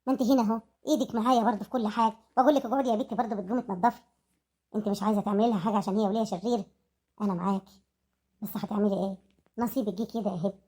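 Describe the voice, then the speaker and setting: A woman playing a motherly older woman calmly advising a younger one, with an Egyptian accent. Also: medium pitch, very fast, breathy edge, lightly acted. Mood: soothing. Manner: soothing, advising.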